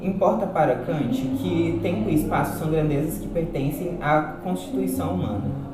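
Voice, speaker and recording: The speaker, a Brazilian man, takes the role of a patient male philosophy teacher giving didactic explanations in a student radio drama. His delivery is expressive, lightly acted, on the high side, and moderately paced. The recording sounds very echoey and far off, with loud music in the background.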